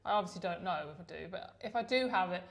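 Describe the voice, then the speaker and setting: A woman's voice: on the low side, expressive, fast, gravelly. A woman in her thirties co-hosting a podcast, chatting casually, self-deprecating and laughing often. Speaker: podcast co-host. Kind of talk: casual chat.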